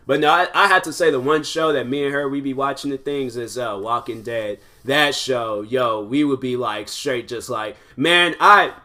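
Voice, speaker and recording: Bright-voiced young man rambling casually. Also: mid-range voice, moderate pace, few pauses. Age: 20s. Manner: rambling, full of "like" and restarts. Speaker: podcast host. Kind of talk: casual solo podcast monologue.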